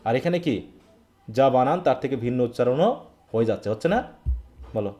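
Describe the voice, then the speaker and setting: A man's voice: mid-range voice, animated, a little fast, warm tone. A man from Bangladesh teaching a live online English class, often checking that students follow. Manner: asks questions and checks understanding.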